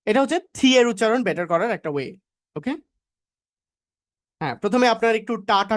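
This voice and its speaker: A woman from Bangladesh teaching English pronunciation in a live online class, repeating each word several times and coaxing her learners, with English phrases mixed into her talk. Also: medium pitch. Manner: drills words by repeating them slowly, coaxing learners.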